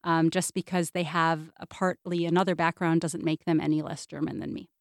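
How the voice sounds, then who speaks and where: A woman's voice: sits low, flat delivery, a little fast, dry recording, studio quality. A woman, a radio guest speaking in a thoughtful, conversational way. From United States. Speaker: guest, series producer. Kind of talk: radio interview discussion.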